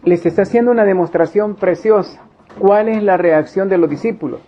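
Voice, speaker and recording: A man with a notably high voice leads a Bible study. He is emphatic, repeating key lines for weight and slipping into small acted scenes. The recording sounds dull and lo-fi. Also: brisk, slight background noise. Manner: emphatic, repeats key phrases, acts out little quoted scenes. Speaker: preacher.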